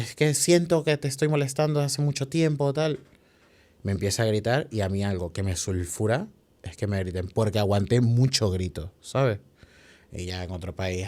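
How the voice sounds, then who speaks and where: A young Venezuelan man with a fairly low voice recounts a hard stretch of his life as a podcast guest. He talks quickly and emotionally, restarting phrases and tossing in tag questions. His Venezuelan Spanish accent is clear throughout. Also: a little mellow. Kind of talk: telling a personal story in an interview.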